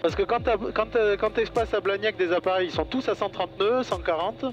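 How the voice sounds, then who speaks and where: A man's voice: sits high, a little fast, highs cut off. A man heard over a pilot headset, chatting casually and calling out checks as he flies. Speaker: pilot of a microlight plane. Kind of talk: casual cockpit chat and checklist callouts. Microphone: aviation headset. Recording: pilot headset intercom, music behind.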